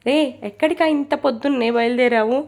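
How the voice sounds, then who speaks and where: A woman voicing a sleepy young man who teases his roommate, speaking softly. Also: a little high, brisk, vocal fry. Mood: teasing. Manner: soft, teasing.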